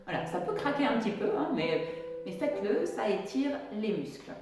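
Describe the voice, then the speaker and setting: A woman drama teacher leading an acting warm-up, giving clear step-by-step instructions and demonstrating diction drills. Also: fairly high pitch, big pitch swings, normal speed, very echoey, recorded from a distance, music in the background.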